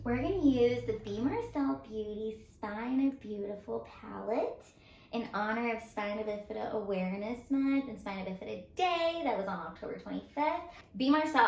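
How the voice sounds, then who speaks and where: A woman's voice: medium pitch, roomy sound. A woman co-hosting a casual chat while doing makeup, giggling often. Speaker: co-host.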